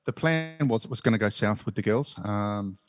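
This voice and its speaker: Lowish-voiced man, close dry sound. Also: normal speed, no echo, soft background music. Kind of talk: casual chat.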